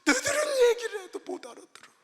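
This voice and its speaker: A male preacher voicing a tearful mother in her eighties who weeps over her children, in a high, quavering voice. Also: big pitch swings, fast, fairly bright tone, exaggerated voice. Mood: tearful, grieving. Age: 80s. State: crying. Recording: echoey hall.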